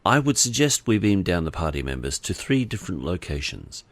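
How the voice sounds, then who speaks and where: A man voicing a calm, reserved male Vulcan commander who speaks in a measured, formal way in an audiobook. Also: low-pitched, dry recording. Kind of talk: audiobook character voice.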